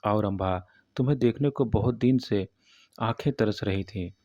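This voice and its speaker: A man's voice: on the low side, moderate pace, mellow, no room sound, lightly acted. A man voicing a shy young man in love, speaking earnestly with a trembling voice in a storybook reading. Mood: yearning. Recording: dull, muffled audio.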